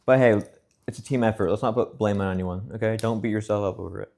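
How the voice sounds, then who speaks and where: A man in a casual chat, teasing and joking with his building partner. His voice sits fairly low. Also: fast, vocal fry, darkish tone. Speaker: co-builder on a stream.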